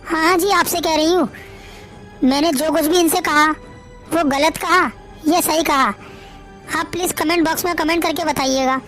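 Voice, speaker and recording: A woman's voice: very high voice, fairly even intonation, normal speed, pauses often, a bit bright, soft background music. A woman channel host closing a story video and addressing viewers directly.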